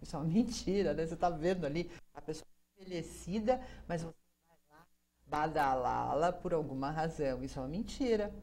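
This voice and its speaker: A woman's voice: low voice, expressive, a little fast, dark tone. A woman with a Brazilian accent hosting a TV advice program, talking conversationally and ending many phrases with a tag question. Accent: Brazilian Portuguese. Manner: conversational, constant tag questions, acts out quoted voices. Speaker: TV program host. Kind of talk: monologue on emotional advice.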